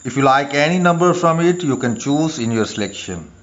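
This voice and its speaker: A man who speaks as a narrates an instructional video as a presenter, speaking deliberately in short phrases with pauses. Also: medium pitch, lively intonation, highs cut off. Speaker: lottery tips presenter.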